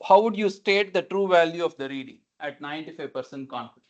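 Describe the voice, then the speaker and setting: A man's voice: a little high, fast talker. A man teaching an online class on a video call as a lecturer, explaining step by step, repeating points and checking understanding. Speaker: lecturer teaching numerical methods. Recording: dull, lo-fi online meeting audio.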